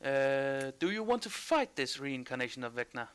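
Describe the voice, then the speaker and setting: A man's voice: mid-range voice, very animated, normal speed, fairly bright tone, clear, resonant tone. A man narrating a tabletop role-playing game as game master in a casual, conversational style.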